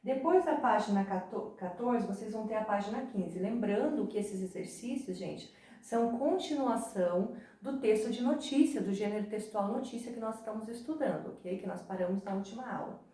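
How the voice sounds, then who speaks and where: A woman teacher going through workbook exercises for her students in a patient way, often pausing to check in with them. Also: medium pitch, warm tone, distant mic. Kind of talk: recorded remote lesson explaining exercises. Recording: very echoey room, voice from off the mic.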